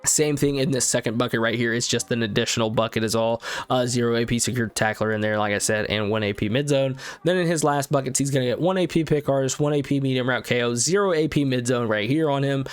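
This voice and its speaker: A man's voice: mid-range voice, steady tone, clear, resonant tone. A man giving casual commentary on video game cards, reading off long lists of stats and abilities with frequent fillers. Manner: rapid list-reading with fillers and restarts. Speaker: gaming YouTuber reviewing cards.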